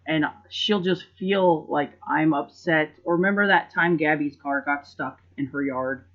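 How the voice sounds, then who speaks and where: A man's voice: a little high, a little slow, dull audio. A man hosting a podcast in casual chat, rambling and reflective and often repeating words as he thinks. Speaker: podcast host.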